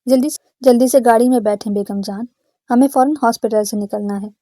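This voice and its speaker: A woman's voice: on the high side, steady tone, mellow, no room sound, studio quality, natural voice. A woman reading as a stern angry young man. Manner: firm, threatening delivery. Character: stern protective young man, quick to anger.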